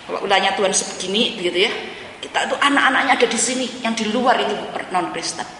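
A woman preaching in a bright, sharp voice, turning often to the congregation as she talks. The sound rings out with a long echo through a large hall, and a faint room ambience sits behind her. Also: mid-range voice, quick pace, a little hiss or hum. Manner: addresses listeners as saudara, mixes in English phrases. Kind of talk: sermon. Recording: echoey hall.

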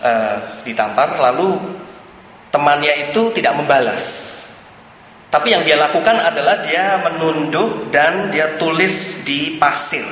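Male preacher, conversational sermon delivery, booming reverb of a church hall. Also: measured pace, fairly bright tone, slight background noise. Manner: conversational preaching, sprinkled with English phrases. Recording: echoey hall with long reverb.

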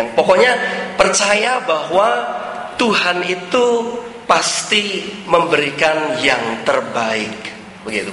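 A male preacher giving an animated sermon, often addressing the congregation and dropping English phrases into his talk. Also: fairly high pitch, a little hiss or hum. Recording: roomy hall with long reverb and faint ambience.

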